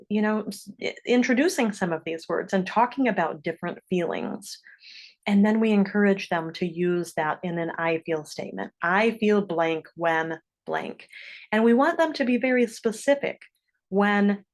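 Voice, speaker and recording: A woman educational consultant giving an instructional talk, explaining calmly and acting out short example sentences. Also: mid-range voice.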